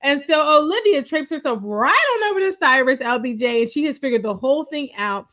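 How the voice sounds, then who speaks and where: A woman with a high voice recaps a TV episode in casual chat, emphatic and expressive. She laughs often, and the audio sounds a bit dull and lo-fi. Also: fairly quick. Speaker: podcast co-host.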